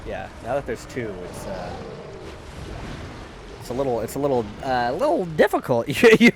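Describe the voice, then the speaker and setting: A man on a game stream, chatting in a loose, rambling way. He guides his co-player, restarts his sentences and often trails off quietly. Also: mid-range voice, wildly swooping pitch, normal speed, noisy background. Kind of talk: casual chat.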